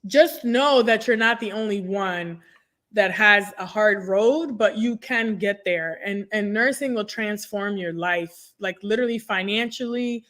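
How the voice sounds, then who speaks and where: She's a guest on a chatty podcast interview: a nurse career coach in her thirties whose first language is French, calling in by video from a home room and using a desk microphone. Her mid-range voice is unhurried, yet her storytelling is energetic, with expressive hands.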